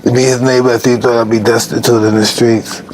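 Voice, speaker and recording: A man's voice: mid-range voice, level tone, fast talker, a little mellow, rough recording. A man as a podcast guest, laid-back and earnest in casual chat.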